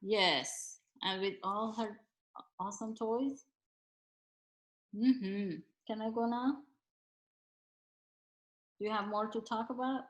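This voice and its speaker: A woman sharing memories of her grandmother and gently coaxing a small child, speaking hesitantly with many fillers. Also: on the high side, fairly even intonation, slow, long pauses, low-quality recording. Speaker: parent prompting her child. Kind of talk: casual spoken tribute.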